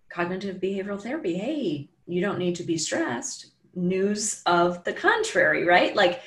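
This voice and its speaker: Animated woman guest in a roomy space. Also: on the low side. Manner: animated, acts out quoted voices. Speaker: guest, healing practitioner. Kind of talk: podcast interview, explaining.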